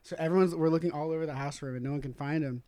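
A man's voice: fairly high pitch, steady tone, very fast, dark tone. A man in his late twenties, co-hosting a podcast in casual chat, telling stories with frequent laughter and swearing. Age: 20s. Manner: laughing storyteller, swears freely. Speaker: podcast co-host.

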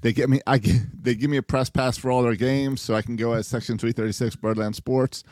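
A man co-hosting a sports podcast, chatting casually and telling stories in an animated way with quoted asides. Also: mid-range voice, a little fast, no echo, studio quality. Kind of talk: casual baseball chat.

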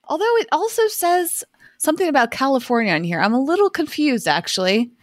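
A woman co-hosting a podcast in a casual, chatty style, musing aloud with animated asides. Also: high voice, fairly quick, no room sound, clean studio sound. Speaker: podcast co-host. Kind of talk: casual chat.

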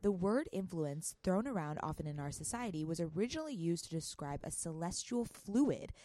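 A woman's voice: lowish voice, expressive, normal speed, warm tone, a little hiss or hum. A woman co-hosting a podcast in a casual, chatty style. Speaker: podcast co-host. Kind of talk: casual chat.

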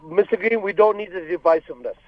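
Over a dull phone line, with no room sound, a caller from Lebanon speaks in a high-sitting voice at a quick pace. He's earnest on this radio talk show, repeatedly talking over the host and restarting his sentences many times.

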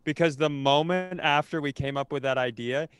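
A man with a fairly high, slightly bright voice talks at normal speed as a podcast co-host. His casual, comedic storytelling rambles and interrupts itself, laced with dry, self-deprecating humour.

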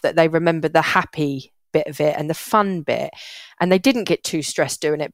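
Woman, young adult, low voice, dry close sound, earnest chatty interview guest. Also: dry recording. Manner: earnest, chatty, restarts sentences often. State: getting emotional. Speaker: podcast guest, parenting hack creator. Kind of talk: casual interview chat.

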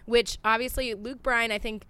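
A woman's voice: on the high side, fairly even intonation, moderate pace, bright, forceful tone, clean tone. A woman co-hosting a casual podcast from a backyard, chatting informally with some swearing. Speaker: podcast co-host. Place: outdoors in a backyard.

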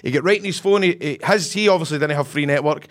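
A podcast host with a broad Scottish accent tells a colloquial, sweary anecdote in casual chat, acting out snippets of dialogue. His voice is a little high and his pace is quick.

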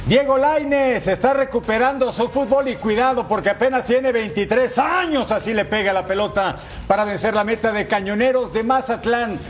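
A man's voice: very high voice, moderate pace. A man co-hosting a sports show, commenting on football in a playful, exclamatory way. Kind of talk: excited football highlights commentary and banter. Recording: music bed behind the voice.

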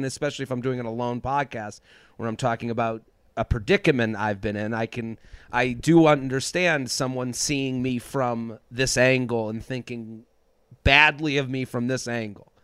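A man's voice: mid-range voice, fairly bright tone, smooth, dry recording, studio quality. A man talking candidly as a guest, rambling and self-deprecating with frequent restarts. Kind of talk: candid conversation.

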